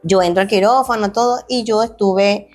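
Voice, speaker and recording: With soft music playing behind her, a former athlete turned fitness coach, a young adult woman, shares her life story in an emotional interview. She speaks earnestly in a steady mid-range voice at a moderate pace, frequently restarting phrases and performing quoted dialogue.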